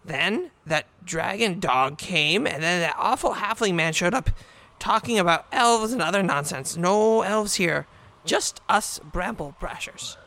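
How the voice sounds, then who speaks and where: A man voicing a short goblin woman chieftain with a hoarse, bird-like voice, stammering and repeating words. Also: high voice, expressive, unhurried, sharp tone, full character voice. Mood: anxious.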